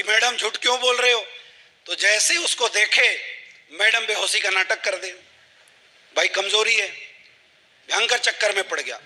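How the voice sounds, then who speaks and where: A man's voice: high-pitched, pushed and bright, long reverb tail. A man giving a motivational talk to a live audience, telling a story and asking the audience rhetorical questions. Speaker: motivational speaker.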